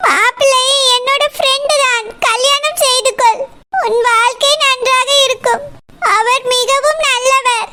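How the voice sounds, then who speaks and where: A performer voicing a gentle, self-sacrificing young woman in a cartoon, talking formally and melodramatically. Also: very high-pitched, fairly even intonation, measured pace, heavy background noise. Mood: sorrowful. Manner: formal, melodramatic, breaks into sad song. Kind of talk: cartoon voice acting.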